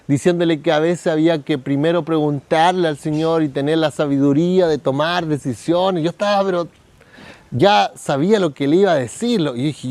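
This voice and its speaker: A man's voice: a little high, darkish tone, no room sound. A man, preaching a sermon at a church service and telling a personal story in which he acts out other people's words. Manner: storytelling, acts out quoted voices. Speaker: pastor.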